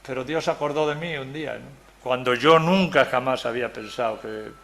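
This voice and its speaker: An older preacher with a gravelly, bright voice leads a Bible study. He talks in a chatty, joking way and keeps checking in with his listeners. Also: mid-range voice, moderate pace, slight background noise. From Galicia, Spain. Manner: conversational, keeps asking "¿verdad?", jokes with the audience. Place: church meeting room.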